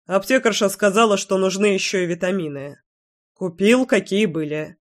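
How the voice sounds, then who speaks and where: A woman voicing a blunt, stubborn young village man in an audiobook, gruff and matter-of-fact, teasing at times. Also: medium pitch, moderate pace, lightly acted. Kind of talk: audiobook character voice.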